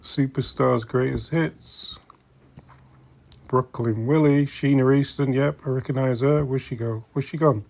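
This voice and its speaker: The host of a vintage collecting vlog, a middle-aged man, browses a secondhand shop while giving viewers casual, chatty commentary and sometimes muttering to himself. His mid-range voice is unhurried and darkish, with fairly even intonation and some vocal fry.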